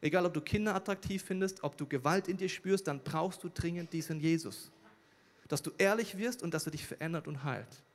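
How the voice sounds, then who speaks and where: Male pastor, animated sermon delivery, loud bursts for quoted voices, somewhat high voice, reverberant church hall. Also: fairly quick.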